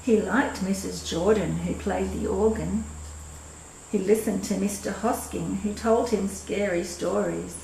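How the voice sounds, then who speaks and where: An older woman reading a children's storybook aloud in a measured, expressive way. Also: medium pitch. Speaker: storyteller reading a picture book. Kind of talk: scripted storybook narration for children. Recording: roomy echo with clear background noise.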